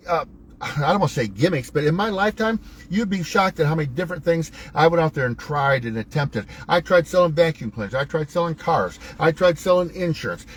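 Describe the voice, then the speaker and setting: A man's voice: a little high, slight background noise. A man hosting a real estate channel, giving a folksy, preachy pep talk that quotes scripture and jokes at his own expense. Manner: self-mocking jokes. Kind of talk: motivational monologue.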